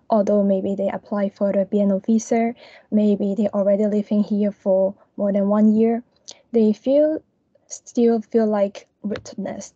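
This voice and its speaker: Soft woman over screen-recorded video call. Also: mid-range voice, no echo, dull audio. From Hong Kong. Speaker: student presenter. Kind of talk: online class presentation.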